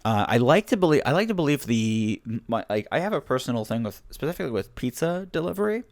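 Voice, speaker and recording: Fast and very animated, this young man's medium-pitched, slightly mellow voice carries a loose podcast chat. He's losing his voice but keeps rambling, laughing a lot and leaning on fillers.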